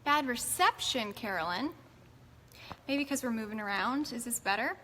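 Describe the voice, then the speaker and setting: A woman's voice: fairly high pitch, lively intonation, moderate pace, bright, forceful tone. Easygoing woman host in an echoey newsroom. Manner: easygoing, organizing the crew. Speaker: morning show host. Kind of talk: casual off-air chat. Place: large TV newsroom. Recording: reverberant newsroom with background noise.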